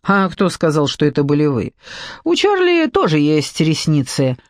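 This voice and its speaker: A man reads an eccentric paranormal detective who lectures and grumbles with dry sarcasm. The voice sits fairly high and swings lively in pitch. The audiobook recording is dry and close. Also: moderate pace, dry recording. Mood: grumbling. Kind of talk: audiobook character reading.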